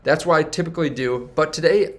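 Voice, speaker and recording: This young man's voice sits on the high side and moves briskly, thick and stuffy with a cold. Hosting a finance video, he addresses the camera in a relaxed, cheerful way, wandering off track and fixing his own words mid-thought.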